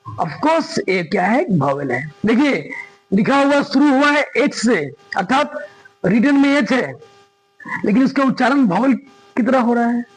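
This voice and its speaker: High, husky-voiced male grammar teacher. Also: expressive, measured pace, soft background music, poor audio. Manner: emphatic, repeats points and quizzes students. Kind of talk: classroom lesson explaining grammar.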